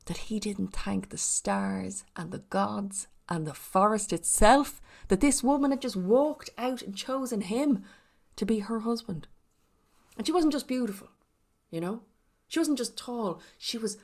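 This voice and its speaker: An Irish woman tells an old tale in a lilting way. Her mid-pitched voice has a noticeable creak. She leans on pauses and repeated phrases as an oral storyteller does. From Ireland. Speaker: storyteller, podcast guest.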